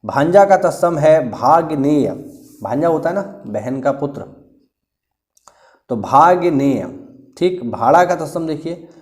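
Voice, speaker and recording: A Hindi teacher gives an exam-prep lecture in a slightly raised voice that's on the high side and animated, a little slow, with frequent pauses. He explains patiently, repeating key words two or three times so students catch them.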